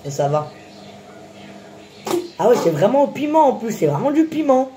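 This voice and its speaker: A woman's voice: on the high side, big pitch swings, moderate pace, mellow. A young woman chatting casually to camera as host of a food challenge, exclaiming and complaining with her mouth burning from spicy food. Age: young adult. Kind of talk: casual chat to camera in a chilli candy challenge. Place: small kitchen, indoors. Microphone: phone on the table. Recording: echoey kitchen, noisy phone recording.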